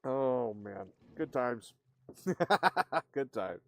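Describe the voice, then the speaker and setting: Speaking extremely slowly but with animation, a medium-pitched man chats in a loose, wandering way while livestreaming a game. Clear background noise comes through his streaming microphone, which is cranked to full gain.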